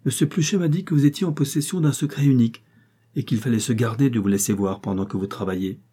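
A man's voice: medium pitch, fast, warm tone, husky, lightly acted. A man voicing a kindly, well-off middle-aged mother who speaks cheerfully and with affectionate firmness, in a storybook reading.

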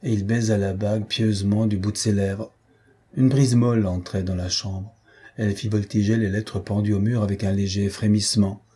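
Reading from a classic novel, this male audiobook narrator keeps a measured, even storytelling pace in scripted literary narration. His voice sits on the low side with a breathy edge.

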